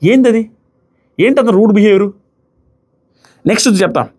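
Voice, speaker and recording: A man with a high-pitched, animated voice and a breathy edge reviews a reality show at normal speed. His casual talk is emphatic and argumentative, and he loudly re-enacts what the contestants said.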